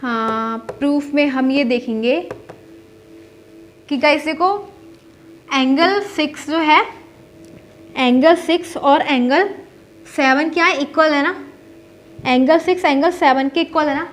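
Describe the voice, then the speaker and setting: High-voiced woman teaching a maths lesson. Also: slow pace, pauses often, a little hiss or hum. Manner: repeats "theek hai" to check in, asks and answers her own questions.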